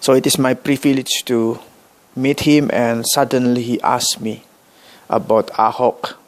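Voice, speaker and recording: A middle-aged Indonesian vlogger addresses his viewers directly in English with an Indonesian accent. His medium-pitched, steady voice comes in slow, halting sentences full of pauses and self-corrections.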